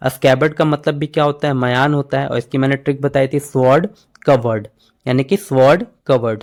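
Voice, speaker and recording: Guy teaching vocab in hindi, mid pitch, keeps saying ok to check ur following. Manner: explains words in Hindi mixed with English, memory tricks, frequent "ठीक है". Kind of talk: exam-prep vocabulary lesson.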